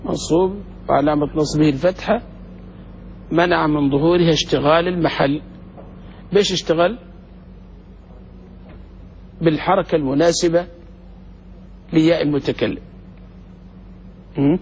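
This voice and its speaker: A man's voice: fairly high pitch, steady tone, a little mellow. A male sheikh teaching grammar, firing questions at his class. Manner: quizzes students with rapid questions. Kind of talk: classroom lesson with questions to students. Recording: dull lo-fi recording in a reverberant hall with faint noise.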